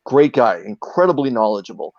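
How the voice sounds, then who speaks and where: A man with a mid-pitched voice chats casually as a guest, sharing anecdotes. He is earnest and often feels for the right word. The sound is dry and slightly muffled. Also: sing-song, a little fast, darkish tone, no room sound. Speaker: interview guest, video creator. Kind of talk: casual chat, telling anecdotes.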